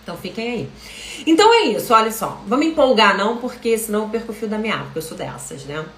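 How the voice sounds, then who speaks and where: A woman with a Brazilian Portuguese accent, a language coach talking to viewers in a chatty, animated live stream. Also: mid-range voice, quick pace, roomy sound, rough recording.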